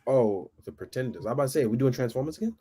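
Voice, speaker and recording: A man talking casually as a podcast guest, rambling and animated, laughing often. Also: mid-range voice, very fast, slight background noise. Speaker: guest toy photographer.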